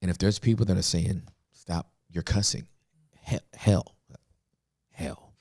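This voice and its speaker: A man's voice: low voice, fairly even intonation, a little slow, darkish tone, husky, dry recording. A male pastor telling stories in a casual, emphatic podcast conversation. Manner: storytelling, emphatic, laughs often.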